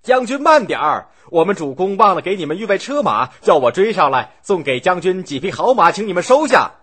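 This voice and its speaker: A man's voice: high-pitched, sing-song, a little fast, slightly rough, pitched above the performer's own voice, heavily acted. A man voicing an eager officer who calls out to the fleeing generals, coaxing them back. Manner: calling out loudly, coaxing. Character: eager young male messenger officer.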